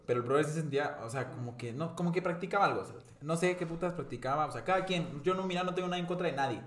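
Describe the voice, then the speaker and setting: A young man tells a story in casual podcast chat, rambling, swearing often and breaking into loud laughs. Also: fairly high pitch, rapid-fire, echoey room, a little hiss or hum. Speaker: podcast co-host telling a story.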